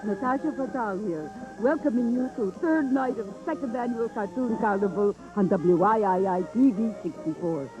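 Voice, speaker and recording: A woman's voice: on the high side, normal speed, few pauses, close to an everyday voice. A woman doing a purring spy villainess with a Russian-style accent. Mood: sly. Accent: put-on Russian-style accent. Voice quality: purring, drops small words. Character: scheming female spy villain, sultry. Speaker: host of a cartoon broadcast segment. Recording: dull recording with music.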